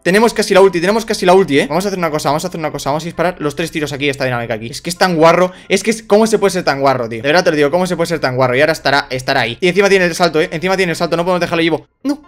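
Young gamer, excitable and fast, for gameplay commentary over quiet music. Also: male voice, on the high side. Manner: excitable, shouts and repeats himself. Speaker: gaming YouTuber.

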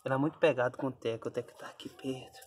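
Soft-spoken man soothing his dog. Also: mid-range voice, steady tone, very fast, a little hiss or hum. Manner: soothing baby talk to the dog, often dropping to a whisper. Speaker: dog owner filming a birth. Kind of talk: casual vlog narration.

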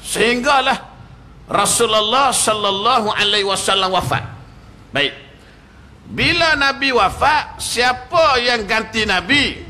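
A Malaysian Malay man teaching in a prayer hall, his high, very bright voice swinging widely as he acts out the story's quoted lines. Faint noise sits under the recording. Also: lively intonation, unhurried. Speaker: religious teacher. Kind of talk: mosque lecture.

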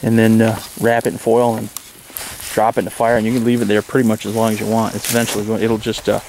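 A man's voice: on the low side, fast talker, slight background noise. Rambling man camping outdoors in snow. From Michigan, USA. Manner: relaxed, rambling, many ums and uhs. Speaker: outdoor vlogger. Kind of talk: casual camping vlog. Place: snowy woods outdoors, under a tarp shelter.

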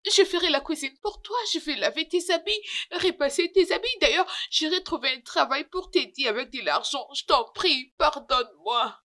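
A woman's voice: high-pitched, animated, normal speed, hardly any pauses, pushed and bright. A woman dubbing a proud wife who begs her husband for forgiveness, pleading and sobbing, in a French-dubbed film.

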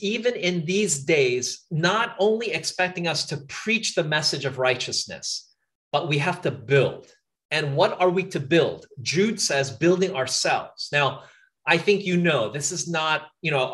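Animated, emphatic male preacher. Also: on the high side, a little slow. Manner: earnest, repeats phrases for emphasis, asks listeners to think. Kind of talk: sermon. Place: outdoor camp meeting.

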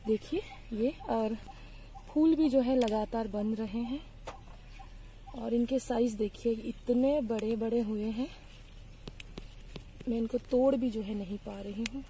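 A young woman vlogs casually on a handheld phone from her sunny outdoor vegetable garden, giving a garden tour and chatting with viewers like friends, with lots of fillers. She's hot and bothered by the sun and mosquitoes. Her voice sits on the high side and has a dark tone; she talks slowly with frequent pauses, and the rough recording carries a slight hiss or hum.

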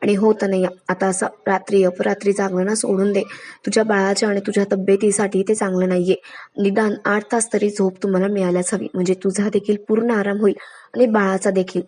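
A strict but caring older mother-in-law who lays down the rules firmly, as a woman narrator puts her on. The voice is warm and dark in tone. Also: mid-range voice, little pitch movement, brisk, close to an everyday voice. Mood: stern caring. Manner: firm, instructive.

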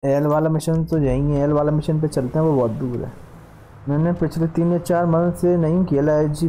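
A man streaming a video game, chatting casually with viewers and shouting excitedly at the action. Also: high voice, slight background noise. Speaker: gaming streamer. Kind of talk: casual live gameplay commentary.

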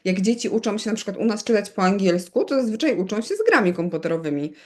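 A woman's voice: medium pitch, expressive, fast. Woman from poland, teacher, chatty explainer, lots of little fillers, talking through it in an interview. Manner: explains at length with fillers and asides to the listener. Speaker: teacher of reading to bilingual children. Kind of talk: conversational expert interview.

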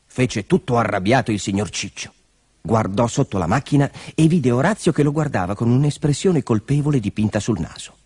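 A man narrating a children's story in a lively, expressive reading. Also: medium pitch, a little fast, husky, dry recording, studio quality.

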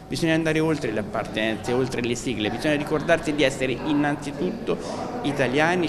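A man, a politician, giving a formal, earnest speech in a council chamber. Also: medium pitch. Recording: reverberant council hall with noise.

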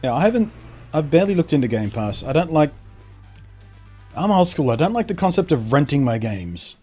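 A man's voice: fairly high pitch, sing-song, brisk, darkish tone, husky, soft background music. A man chatting casually on a live stream, answering chat in an opinionated, rambling way, often trailing off and restarting his sentences.

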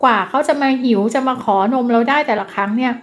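Woman, middle-aged, child development teacher, gentle, fairly high voice, parenting advice. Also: fast talker. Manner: gentle, acts out example parent dialogue, frequent polite particles.

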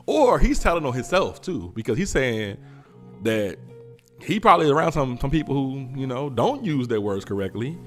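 Male podcast host, lively swinging pitch, teasing and laughing, faint music behind. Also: normal speed. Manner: animated, laughing often, teasing rhetorical questions. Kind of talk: casual commentary.

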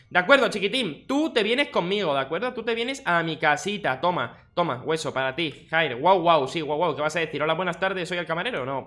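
A man's voice: high-pitched, bright, forceful tone. A young man giving playful, jokey gameplay commentary and chatting with the game's characters. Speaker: gaming video creator.

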